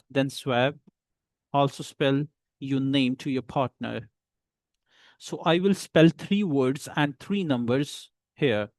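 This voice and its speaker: Slow-speaking man teaching English pronunciation. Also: mid-range voice, dry recording. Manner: slow, repetitive drilling of words and numbers. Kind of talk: beginner English lesson.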